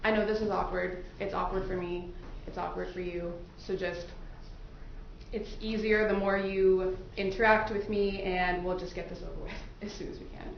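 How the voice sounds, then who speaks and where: A defense attorney with a lowish, vocal-fry voice questions prospective jurors into a microphone, keeping her pitch fairly even and her speed normal. Her manner is informal, conversational and explanatory, and the courtroom audio is echoey, muffled and noisy.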